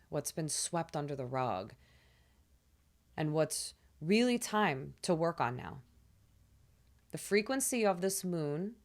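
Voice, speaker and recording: Soft-spoken low-voiced woman. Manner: soft, soothing, with casual fillers. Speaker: spiritual astrology channel host. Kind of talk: gentle spiritual talk to camera.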